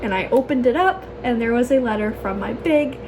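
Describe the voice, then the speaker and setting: A woman's voice: fairly high pitch, animated, brisk. A young adult woman telling a personal story casually, as a vlogger, in a chatty, gushing way full of filler "like"s and exclamations. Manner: chatty, gushing, peppers talk with "like" and "oh my gosh". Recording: clear background noise.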